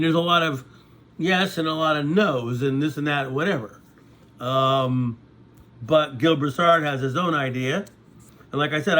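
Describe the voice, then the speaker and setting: A vlogger in his sixties talks to viewers in a relaxed, meandering way, repeatedly asking "okay?" to check in with them. His voice is a little high and a bit bright.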